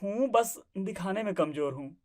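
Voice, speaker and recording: A woman's voice: mid-range voice, expressive, normal speed, dark tone, close to an everyday voice. A woman voicing a shy young husband who grumbles and tries to placate his wife. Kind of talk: family drama acting.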